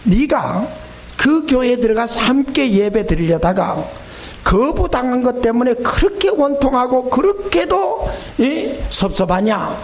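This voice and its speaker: A male preacher voicing Jesus as a tender, fatherly man speaking gently to a grieving believer. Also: very high voice, very animated, unhurried, slight background noise, full character voice.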